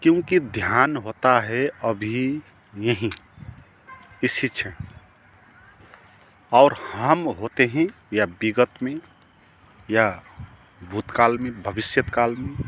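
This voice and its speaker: Slow, reflective male meditation teacher. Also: medium pitch, fairly bright tone, slight background noise. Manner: slow, reflective, with rhetorical questions. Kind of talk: spiritual discourse.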